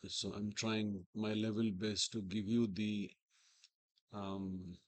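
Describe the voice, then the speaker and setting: A man with an Indian accent and a sore, swollen-sounding throat gives informal trading commentary in halting, deliberate short phrases, his voice strained and limited in volume. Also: fairly low pitch, flat delivery, no echo. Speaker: market analyst host.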